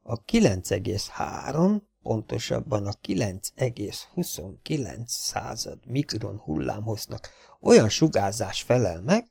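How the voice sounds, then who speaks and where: A man's voice: on the low side, big pitch swings, vocal fry, darkish tone, slightly rough, no room sound. A man reading a science fiction audiobook aloud, lifting his voice to act out each character's quoted lines. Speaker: audiobook reader.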